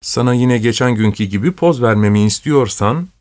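A man's voice: medium pitch, expressive, moderate pace, no echo, natural voice. Young woman in love, playful, tender, slightly sulky, put on by a man, dry close recording. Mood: tender, teasing. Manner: teasing and tender, softly sulky.

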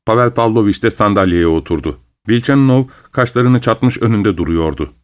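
A man reading a novel aloud as audiobook narration, in a measured storytelling manner. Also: on the low side, animated.

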